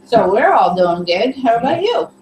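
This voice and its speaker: A woman co-hosts a casual livestream, reading viewer chat comments aloud and laughing often. Her voice is a little high and a little mellow, with big pitch swings at a moderate pace. She is recorded from a distance in an echoey room with a faint hum.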